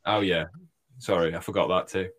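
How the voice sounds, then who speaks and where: A man co-hosting a podcast in casual chat. His voice is fairly low. He jokes, swears and laughs often. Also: fairly even intonation, fairly quick, a bit bright, slight background noise. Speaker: guest co-host.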